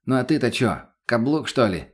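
A man's voice: medium pitch, lively intonation, moderate pace, natural voice. A man voicing a crude, mocking drug addict who swears constantly. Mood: cocky. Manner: foul-mouthed, cocky, mocking.

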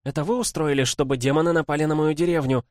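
A man's voice: fairly even intonation, fast, darkish tone, no echo, clean studio sound, lightly acted. Jinwei, a fierce girl voiced by a man. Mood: wary. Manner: high, urgent, defiant. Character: fierce desperate young village girl.

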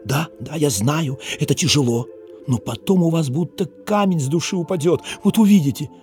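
A man's voice: a little high, moderate pace, darkish tone, soft background music, natural voice. A man doing a timid stammering young clerk. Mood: nervous earnest. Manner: nervous, stammering, earnest. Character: timid, earnest young male clerk, jug-eared and pimply.

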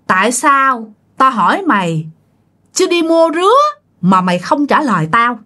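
A menacing male ghost from the woods, put on by a woman telling a story, hammering the same harsh question again and again. The voice sits high and swings widely. It fits a spoken ghost tale told aloud. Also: very animated, measured pace, pushed and bright, exaggerated voice. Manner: demanding, repeating a harsh question.

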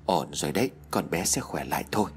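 A man voicing a weary middle-aged female spirit medium who speaks low and curt, in an audio storybook. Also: animated, brisk, soft background music. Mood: calm, tired.

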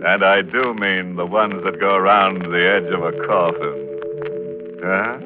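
An actor playing a sardonic, mock-friendly horror host in the vintage narrating style of 1940s radio, full of macabre jokes. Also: male voice, sits low, steady tone, measured pace. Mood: sardonic, ghoulish. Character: ghoulish, sardonic male host of a horror show. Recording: old tinny radio recording with music.

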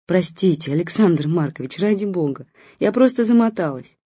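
Woman as a brisk, sharp-tongued young mother. Husky, dull lo-fi read. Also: lowish voice, animated, no echo. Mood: flustered. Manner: snappy, blunt. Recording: dull lo-fi recording.

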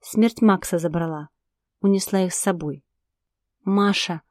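Mellow-voiced woman narrating dramatically. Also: medium pitch, moderate pace, dry recording, studio quality. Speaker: audiobook narrator. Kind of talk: first-person fiction narration.

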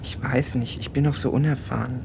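In a German radio play, a man plays a naive provincial teenage boy who rambles earnestly, apologises a lot and chats on at a middling pitch, fairly quickly and in a steady tone, lightly acted. Clear noise and rumble sit behind him in the recording.

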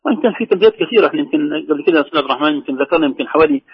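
A man teaching Quran recitation, briskly explaining pronunciation and sounding out the words he corrects. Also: fairly high pitch, animated, husky. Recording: muffled radio broadcast sound.

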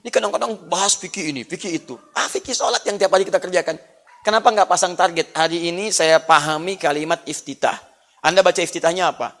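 High-voiced lively male preacher. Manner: lively, jokes and laughs, repeats "check it" challenges; swings from hushed and slow to loud and high. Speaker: Islamic preacher. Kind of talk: sermon lecture to a congregation.

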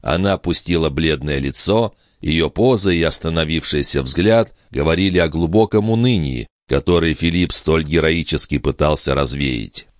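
A man narrating a novel as an audiobook in a measured, even storytelling manner. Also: a bass voice, dry recording, clean studio sound. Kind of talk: scripted narration.

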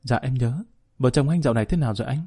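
A man voicing a weary, guilt-ridden middle-aged wife who speaks softly and pleadingly. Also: medium pitch, very fast, husky, faint music behind. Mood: tender, pleading.

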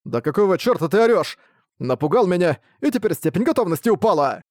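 A man's voice: a little high, quick pace, a little mellow, no room sound, clean studio sound, lightly acted. A man playing a tense, snappish adventurer. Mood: angry. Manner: irritable, snapping. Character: stressed young male adventurer, short-tempered.

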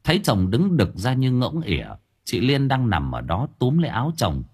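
Husky, lively male storyteller. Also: medium pitch, normal speed. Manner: wry, colloquial storytelling. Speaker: audiobook narrator. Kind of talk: comic storytelling narration.

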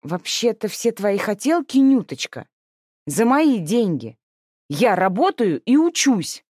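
A woman's voice: mid-range voice, very animated, slow, a little mellow, no room sound, clean studio sound, pitched above the performer's own voice. A woman voicing an exasperated young woman scolding her younger sister in an audiobook. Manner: stern, scolding.

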